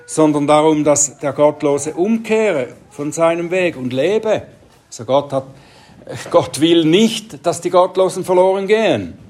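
Slow, deliberate male preacher. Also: fairly high pitch. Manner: slow, deliberate, trails off into quiet asides. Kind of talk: Bible teaching sermon.

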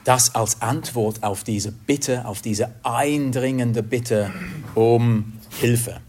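A man's voice: medium pitch, fairly even intonation, darkish tone, a little hiss or hum. A man preaching a sermon in an earnest way, sometimes hunting for the right word. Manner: slow, earnest, searching for words at times.

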